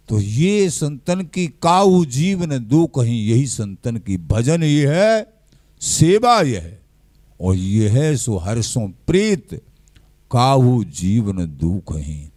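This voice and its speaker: A man giving a slow, measured devotional discourse, often quoting scripture verses. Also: mid-range voice, no room sound, studio quality. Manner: slow, measured, quotes verses and scripture in a lively rise and fall. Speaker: spiritual teacher.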